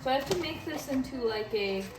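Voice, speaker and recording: A woman's voice: sits high, expressive, brisk, background noise. A young woman with a Wisconsin accent chatting casually and self-deprecatingly as she bakes in her home kitchen. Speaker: home baking vlogger. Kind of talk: casual chat while baking. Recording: roomy kitchen with background music.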